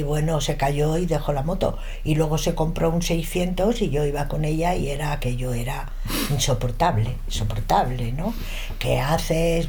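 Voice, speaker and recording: A woman in her seventies from Madrid, speaking with a Madrid Spanish accent, casually and emphatically reminisces about her life as an interview guest indoors at home. Her voice is low-pitched and warm.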